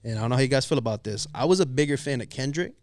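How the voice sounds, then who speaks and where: A man's voice: mid-range voice, expressive, very fast, a little mellow, no room sound, clean studio sound. A man in casual slangy chat, giving emphatic opinions in an informal way.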